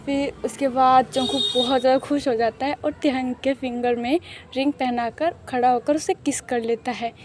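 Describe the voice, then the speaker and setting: A woman narrates a love story in a casual, chatty way. Her voice is high and mellow, and she repeats herself and mixes in English words. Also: steady tone, moderate pace, slight background noise.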